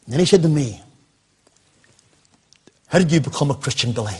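A man's voice: mid-range voice, animated, brisk, dark tone, breathy edge. An older man, telling a personal story in a sermon and quoting the people in it. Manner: anecdotal, quoting others in dialogue. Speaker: preacher.

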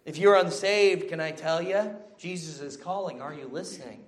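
Male preacher, high-voiced, emphatic sermon delivery, exhorting through repetition and questions. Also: normal speed. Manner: emphatic, exhorting, with repeated short phrases and rhetorical questions.

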